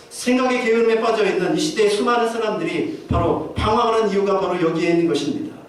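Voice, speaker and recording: A man preaching a sermon as pastor, earnestly asking his listeners question after question. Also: sits high. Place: church sanctuary. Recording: very echoey church hall from far off, faint noise.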